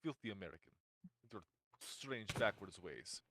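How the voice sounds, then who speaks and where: A man's voice: on the low side, animated, moderate pace, noisy background. A man putting on a jokey Russian accent as a bossy, passionate Soviet comrade, clipping words and using broken English. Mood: mocking. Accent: put-on Russian. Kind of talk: joking impression among friends.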